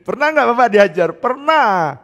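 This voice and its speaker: A middle-aged male pastor preaching a sermon, animated and playful, laughing often and dropping into English phrases. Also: high voice. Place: church hall. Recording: long church-hall reverb.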